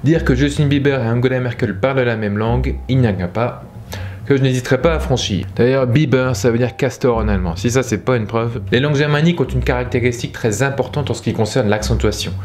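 A man hosting an educational channel, teaching English stress rules in clear, scripted narration with dry jokes. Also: mid-range voice, fast, darkish tone, slight background noise.

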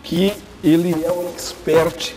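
A man with a slightly high voice and flat delivery speaks slowly as host of a casual cooking show in a showroom kitchen. He's chatty, with many restarts and fillers. Music plays under his voice, and there's background noise.

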